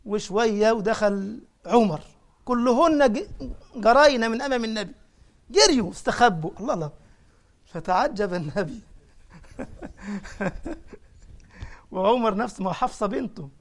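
A man's voice: sits high, lively intonation, normal speed, long pauses. A man with an Egyptian accent preaching a sermon as a sheikh, telling stories with animation and putting questions to his listeners. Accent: Egyptian Arabic.

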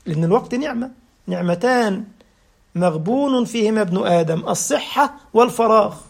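A man's voice: sits high, expressive, fairly quick, gravelly. A man with an Egyptian Arabic accent, giving a humorous religious talk as a preacher and laughing through his jokey anecdotes.

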